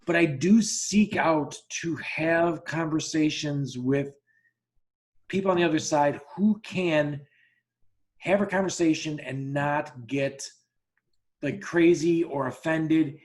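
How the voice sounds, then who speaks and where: A podcast host with a fairly high-pitched voice speaks slowly in a casual chat. He tells a story bluntly, restarting again and again, swearing freely and acting out both sides of the quoted dialogue.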